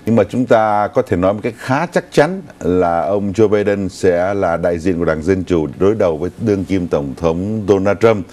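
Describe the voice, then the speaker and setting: A man's voice: sits low, moderate pace, few pauses, darkish tone. An older man co-hosting a news talk show in a TV studio, recounting stories unhurriedly with some fillers.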